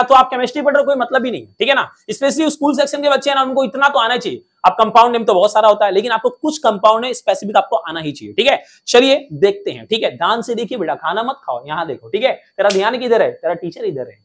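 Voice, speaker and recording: A man teaching a lesson in a playful, energetic way, quizzing students with call-and-response questions and cracking jokes. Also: very high-pitched, fast talker, slightly rough. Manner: jokey, drops rhymes and mnemonics.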